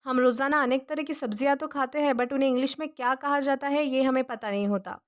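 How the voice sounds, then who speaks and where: A young woman teaching an English vocabulary lesson, drilling each word slowly with questions and repeated answers. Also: sits high, fairly even intonation. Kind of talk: spoken language lesson.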